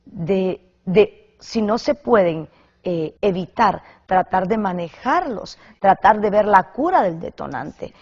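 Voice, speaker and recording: Husky creaky-voiced woman preaching. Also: mid-range voice, animated, slow pace, darkish tone. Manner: emphatic, repeats words for stress. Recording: slightly muffled lo-fi recording.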